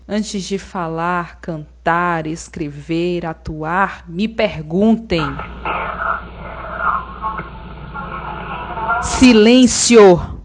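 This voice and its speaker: A woman's voice: on the low side, slight background noise, natural voice. A woman playing Censorship as a domineering ringmaster in a radio drama, with theatrical, commanding announcements. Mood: imperious. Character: Censorship personified, domineering, menacing female ringmaster silencing everyone.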